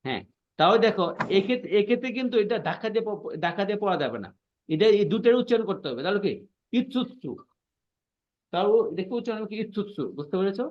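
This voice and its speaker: A man's voice: sits high, lively intonation, racing, highs cut off, a little hiss or hum. A male language teacher explaining pronunciation in an online class, patiently repeating points and checking that students follow.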